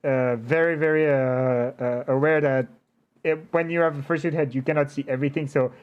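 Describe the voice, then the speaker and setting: A man hosting a casual conversational interview, talking in an animated but hesitant way with slightly unidiomatic phrasing. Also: medium pitch, a little fast, smooth, narrow, tinny audio. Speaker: interview show host.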